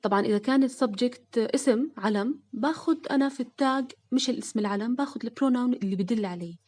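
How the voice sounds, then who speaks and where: A woman's voice: on the high side, darkish tone. Woman teaching English grammar. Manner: slow, stressed English example sentences with rising question tags; mixes Arabic and English terms. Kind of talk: explaining a grammar lesson.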